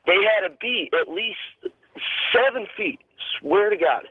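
A man calling into a radio show over a phone line, telling of something he saw, in a halting way with many restarts. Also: high voice, animated, husky. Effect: phone-line caller on a radio show. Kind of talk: telling a personal sighting on a call-in show.

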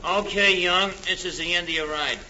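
A brash American gangster from an old radio comedy, acted out by a man, bossy and menacing in his slangy tough talk. The voice sits high for a man. The old recording is muffled, with clear noise behind him. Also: steady tone, moderate pace, lightly acted. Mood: bossy, reassuring.

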